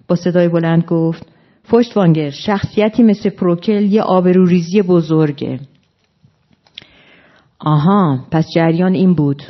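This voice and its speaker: A woman translator reading a novel excerpt aloud at a literary panel in a calm, measured way, in a dull lo-fi recording. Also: lowish voice. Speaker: translator and guest speaker.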